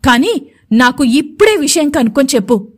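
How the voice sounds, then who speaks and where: A woman's voice: sits high, sing-song, a little fast. A woman voicing a stubborn, agitated young woman who taunts and complains in a raised voice. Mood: resentful.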